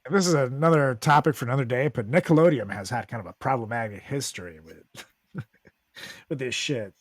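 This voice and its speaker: A man's voice: medium pitch, a little fast, no room sound. Man joking crudely with a dry sound. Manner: laughing, crude joking banter. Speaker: podcast co-host. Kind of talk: casual chat.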